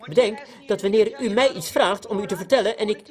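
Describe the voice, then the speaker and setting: Earnest high-voiced preacher. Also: male voice, a little fast. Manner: earnest, repetitive emphasis, voice rising on key points. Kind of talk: sermon with storytelling.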